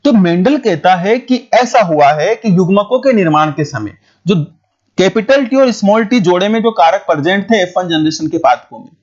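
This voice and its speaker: A man teaching a school biology lesson, talking quickly, repeating points and checking whether his students follow. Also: high-pitched, lively intonation, darkish tone. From India. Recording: dull lo-fi recording.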